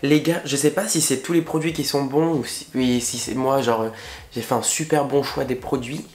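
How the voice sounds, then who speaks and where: Young male makeup vlogger, excitable and chatty, mid-pitched voice, echoey room at home. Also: normal speed. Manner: chatty and excitable, gushing over products with slang. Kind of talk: casual makeup tutorial chat. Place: indoor room at home, facing a window. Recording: roomy echo.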